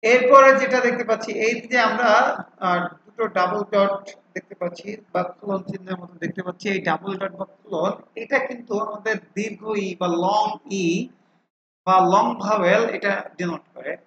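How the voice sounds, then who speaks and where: A man's voice: high voice, normal speed, sharp tone, slight background noise. Guy teaching vowel sounds, says them again and again, kinda muffled lo-fi recording. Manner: drills each vowel sound by repeating it several times; mixes English terms into explanations. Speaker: phonics teacher. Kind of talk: explaining a lesson. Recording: echoey room, dull lo-fi sound.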